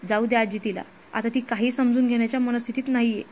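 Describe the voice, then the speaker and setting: A man's voice: extremely high pitch, fairly even intonation, fast, a little hiss or hum. A woman doing an angry young husband. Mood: bitter. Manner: angry, shouting. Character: angry young husband shouting after his wife.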